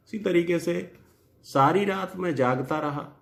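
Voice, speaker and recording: A man teaching Hindi grammar in a lecture, speaking slowly and deliberately, spelling out example sentences word by word and addressing viewers directly. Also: high voice, creaky.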